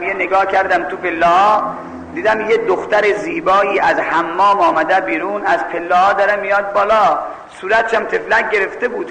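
Gravelly preacher in an echoing hall. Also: male voice, sits high, pushed and bright. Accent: Mashhad Persian. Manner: emphatic, scolding, acts out voices. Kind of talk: sermon with story telling. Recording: echoey hall with long reverb, faint ambience.

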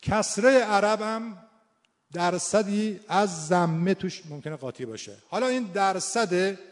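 A man's voice: sits high, darkish tone. A man from Iran giving an informal recitation lesson, thinking aloud and repeating key words for emphasis. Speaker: Quran recitation teacher. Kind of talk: informal teaching talk. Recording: long hall reverb.

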